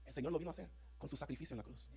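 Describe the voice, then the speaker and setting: Male pastor, rapid-fire fervent sermon delivery, high voice. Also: vocal fry, dark tone. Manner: fervent, rapid preaching with rising emphatic peaks; addresses congregation as brothers, asks "¿están conmigo?". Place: church sanctuary.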